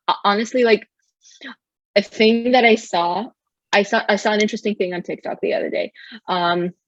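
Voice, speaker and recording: A woman's voice: mid-range voice, no room sound. Woman, podcast co-host, earnest, encouraging, filler-heavy, dry, lo-fi. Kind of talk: casual podcast chat. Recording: dull lo-fi sound.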